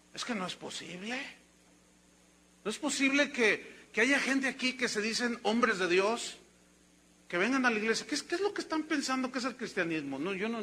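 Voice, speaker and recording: Male pastor, Mexican accent, sermon, high voice, bright tone, teasing and emphatic. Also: slight background noise. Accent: Mexican Spanish. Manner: conversational, teasing and emphatic preaching.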